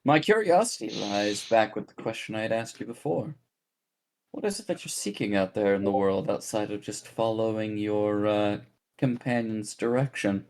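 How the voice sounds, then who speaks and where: A man voicing a calm, inquisitive female fortune teller with measured, formal phrasing. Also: on the low side, pitched below the performer's own voice. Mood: calm, probing.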